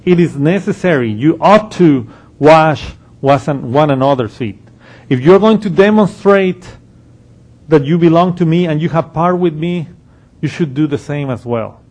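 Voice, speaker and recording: A man's voice: a little high, lively intonation, measured pace, a little mellow. A man preaching a sermon, explaining scripture verse by verse with frequent restarts and quoted passages. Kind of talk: expository sermon.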